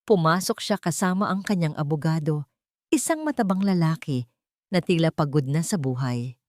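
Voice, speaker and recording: A woman with a Filipino accent narrates a scripted dramatic story in an animated way. Her low voice is a little mellow and moves at normal speed, captured in a dry, studio-quality recording.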